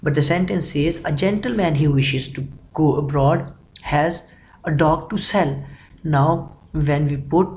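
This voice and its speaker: A man's voice: a little high, a little mellow, a little hiss or hum, rough recording. A man giving an explanatory grammar lecture, methodically working through examples and repeating phrases. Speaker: English grammar teacher.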